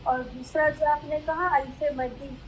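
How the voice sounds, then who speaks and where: A high-voiced woman student speaks slowly and hesitantly as she checks that she has followed the lesson. Faint background noise sits under her voice in the online class audio. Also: fairly even intonation, highs cut off. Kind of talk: answering in class.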